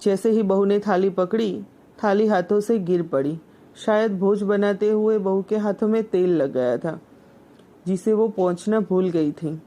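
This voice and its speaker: A woman host narrating a family story in an even, gentle storytelling manner. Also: medium pitch, a little slow.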